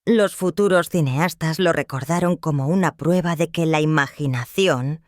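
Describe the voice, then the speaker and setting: Measured narrator with a dry voice. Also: mid-range voice, no room sound. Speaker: documentary narrator. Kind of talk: scripted narration.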